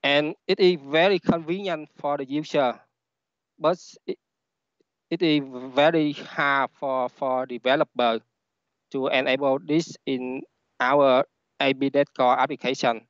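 A man with a Vietnamese accent, a native Vietnamese speaker, giving a halting technical presentation over a headset on an online call. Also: mid-range voice, fairly even intonation, no echo. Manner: halting, with repeated words. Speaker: conference speaker, software engineer. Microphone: headset on a video call. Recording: dull, lo-fi online call audio.

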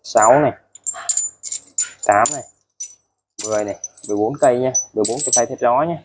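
Man, casual seller, repeats prices, mid-pitched voice, faint background noise. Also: quick pace. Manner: repetitive, keeps restating prices and codes; chatty, ends phrases with friendly particles. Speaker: used tool seller. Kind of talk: casual product showcase.

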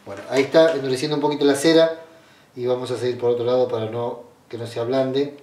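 A man with an Argentine accent guiding viewers step by step through a ritual in an unhurried, hesitant way, with many fillers and restarts. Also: medium pitch, steady tone, a little mellow. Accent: Argentine Spanish. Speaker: spiritual ritual guide. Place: small indoor room at a red-draped altar table. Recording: roomy, distant camera sound.

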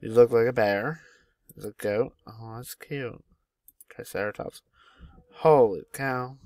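A man's voice: medium pitch, slow pace, a little mellow, dry recording. A young man at home casually commenting on a game mod, chatty and easily delighted as he names each animal that appears. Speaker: gaming YouTuber.

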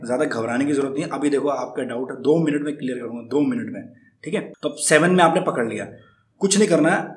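Man teaching guitar in a roomy space. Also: on the high side. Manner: friendly, repeats "ठीक है" constantly, counts strums aloud. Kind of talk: casual guitar lesson. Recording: roomy, guitar playing along.

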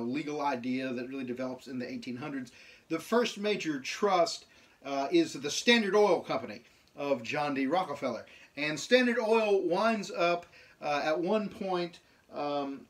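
A young man with a drawl teaching a relaxed lesson from his house. His voice sits a little high for a man, and he talks in a folksy, joking way, full of "uh" and "you know" as he restarts his sentences. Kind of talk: casual home video lesson. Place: at home.

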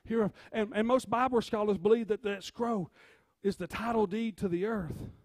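A man preaching an impromptu sermon, swinging from hushed storytelling to rising shouts and repeating his words. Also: high voice, steady tone, normal speed, no room sound, studio quality. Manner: rhythmic preaching with "uh" before phrases.

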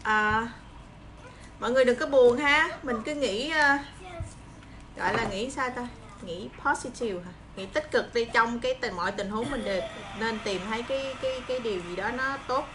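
A woman's voice: a little high, moderate pace. Southern Vietnamese woman chatting over background noise. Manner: encouraging, reassuring. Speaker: livestream host. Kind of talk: casual chat to viewers while eating and preparing fruit. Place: small room indoors. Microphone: phone propped at arm's length. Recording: clear background noise, phone video.

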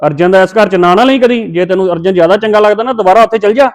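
A man's voice: high-pitched, rapid-fire, natural voice. An actor playing a hot-tempered husband who berates his wife in a family drama skit, harsh and bossy. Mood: angry, scolding. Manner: harsh, berating, shouting orders.

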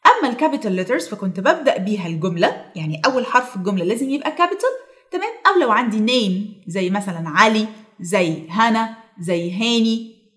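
A woman with an Egyptian Arabic accent teaching young children English phonics, praising them warmly as she drills each word. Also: medium pitch, a little fast. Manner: lively and encouraging, drawing words out for children to repeat.

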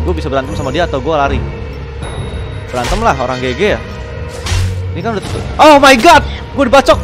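A young man giving excitable, slangy let's-play commentary as a gaming YouTuber, reading game text aloud. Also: sits high. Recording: music playing behind.

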